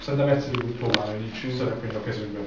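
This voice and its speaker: Man planning rehearsal, quick and practical. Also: lowish voice, fairly even intonation, heavy background noise. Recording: distant mic in echoey hall, dull.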